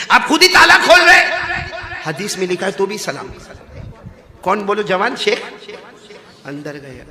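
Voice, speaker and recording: A man telling an Islamic story as a sermon, moving from hushed narration to shouted, chanted Quranic recitation. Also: a little high. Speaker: preacher. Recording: echoey hall with crowd.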